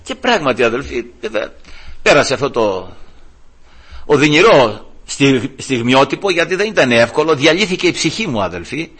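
An older man, a grandfather, preaching and telling a heartfelt story to his congregation, warm and emotional with many restarts. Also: medium pitch, husky. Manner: emotional, animated, restarts often. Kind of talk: storytelling sermon.

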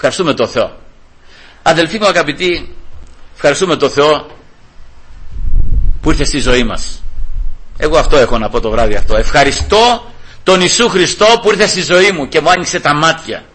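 A man delivers an informal sermon as a lively retelling of a Bible story. His voice sits high and sounds bright and forceful. He slips into the characters' voices and keeps calling out to his brothers in the congregation. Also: pauses often, poor audio. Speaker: lay preacher.

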